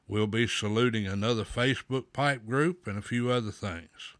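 A man hosting a pipe smoking show, giving slow, folksy advice with a pipe in his mouth. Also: lowish voice, a bit bright, no room sound. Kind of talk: casual talk to camera.

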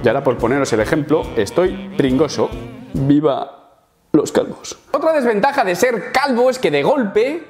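A young man with a Spanish accent from Spain, giving a sarcastic, comedic vlog monologue as a YouTuber, swearing and acting out little scenes. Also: sits high.

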